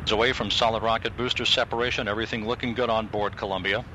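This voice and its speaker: A man's voice: steady tone, fast talker, sharp tone. A man giving factual, procedural live flight commentary from mission control. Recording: clearly noisy broadcast with rumble.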